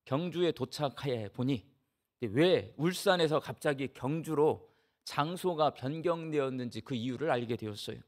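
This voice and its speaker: A middle-aged male pastor from the Jeolla region delivers a sermon like a story told to friends. His voice sits on the high side and swings widely as he keeps asking the congregation questions. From Jeolla region, Korea. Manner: conversational, storytelling, often asks the congregation questions.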